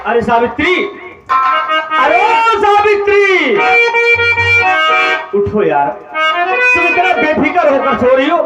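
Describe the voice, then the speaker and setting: A man playing a high-voiced melodramatic stage husband. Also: big pitch swings, normal speed, muffled recording. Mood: tender. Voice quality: loud melodramatic stage declamation. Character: grieving young husband returning from abroad. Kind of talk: live folk stage theatre. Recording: echoey stage recording with loud music.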